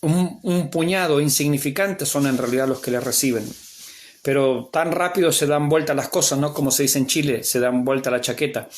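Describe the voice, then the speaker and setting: A man with an Argentine accent, a pastor teaching a Bible class as a sermon, swinging between emphatic raised lines and hushed asides. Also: fairly high pitch, moderate pace. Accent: Argentine Spanish.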